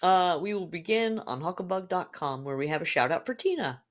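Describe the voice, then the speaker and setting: A woman's voice: on the low side, lively intonation, a little fast, a crowd in the background. A woman hosting a podcast in casual chat, cheerful and chatty, reading out listener comments. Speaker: podcast host.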